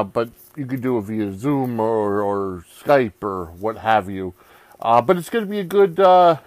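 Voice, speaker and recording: A man's voice: medium pitch, no echo. A man hosting a sports podcast in casual talk, with a loose, rambling delivery. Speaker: podcast host.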